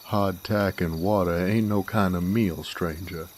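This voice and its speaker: In this Western audio roleplay, a man delivers a monologue to the listener as a drifter who is also a smooth-talking male werewolf bounty hunter and a genial wanderer. His deep Southern/Western drawl is folksy and courteous, and his speech is wordy and unhurried. A faint hiss or hum sits under the recording.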